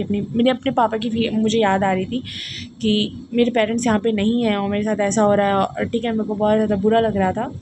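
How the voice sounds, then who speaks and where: A young woman from India with a slightly high voice shares a personal storytime in a vlog. She talks earnestly, scattering English phrases and "okay?" through her speech. Steady background noise from the room sits under her voice. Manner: earnest, mixing English phrases into Hindi, many fillers like "ठीक है?". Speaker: vlogger.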